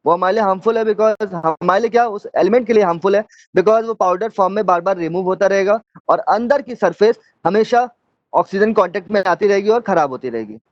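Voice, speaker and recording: A man's voice: high voice, a little fast, no echo, dull audio. A male teacher giving an online class lecture, explaining step by step and often checking that students follow.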